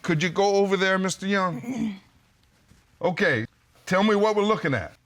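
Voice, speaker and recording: A man's voice: high voice, moderate pace, a bit bright. A man presiding as a TV court judge, asking questions in a folksy, wry and playful way.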